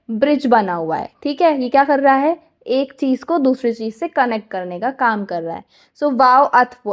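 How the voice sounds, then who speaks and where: A young woman teaching a lecture, explaining step by step and often checking with her students. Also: a little high. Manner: patient, repeats "theek hai" to check understanding.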